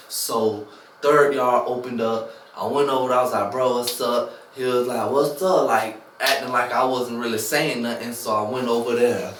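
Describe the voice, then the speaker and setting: A young man telling a prison story in a casual, slang-heavy chat, acting out the voices of the people in it. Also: medium pitch. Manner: animated slang-heavy storytelling, acts out quotes. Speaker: former inmate telling a story. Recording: echoey room, mic at a distance, faint hiss.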